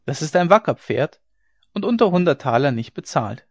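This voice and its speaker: A man's voice: a little high, sing-song, normal speed, no echo, voice pushed up. A man playing a sly vagabond horse dealer. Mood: wheedling. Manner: wheedling, cunning. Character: sly rough male vagabond horse seller. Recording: dry, dull lo-fi recording.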